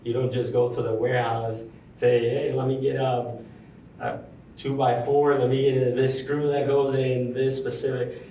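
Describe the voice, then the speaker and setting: A young man with a mid-range voice, guesting in a relaxed interview, thoughtfully describes his work as a construction project superintendent, with plenty of ums, pauses, and false starts. It was recorded in a large room at a university center on a distant mic, sounding roomy with faint ambience and slight hiss or hum.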